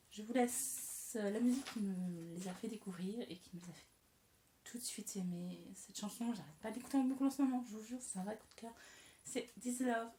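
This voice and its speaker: A woman's voice: medium pitch, dark tone. A young woman vlogging casually to camera, chatty and self-mocking, stumbling over names and muttering to herself as she fidgets. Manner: fidgets and moves around on camera. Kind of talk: casual talking-head vlog. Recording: echoey room, faint hiss.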